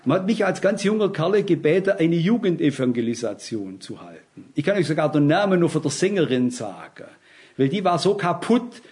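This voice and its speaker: A man's voice: on the high side, a little mellow. A man preaching at a Bible study, telling stories from his own life and speaking straight to his listeners. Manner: earnest, anecdotal, addresses listeners directly. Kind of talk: sermon.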